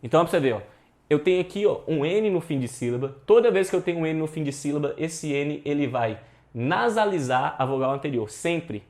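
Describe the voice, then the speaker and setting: A man's voice: fairly high pitch, lively intonation, fairly quick, a little mellow. A male teacher, explaining exam questions in a casual, slangy, emphatic way. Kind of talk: exam prep lesson.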